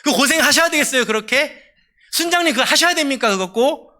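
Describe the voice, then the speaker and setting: A man's voice: very high-pitched, lively intonation, quick pace, sharp tone, voice pushed up, full character voice. A man voicing a scoffing acquaintance who mocks a believer's zeal in a needling, sarcastic way, as a sermon example. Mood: mocking.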